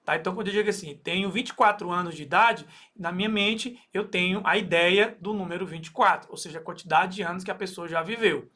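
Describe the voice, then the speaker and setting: A man's voice: high-pitched, quick pace, few pauses, pushed and bright. A Brazilian man teaching a recorded math lesson, explaining step by step with many fillers and frequent "okay?" checks. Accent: Brazilian Portuguese.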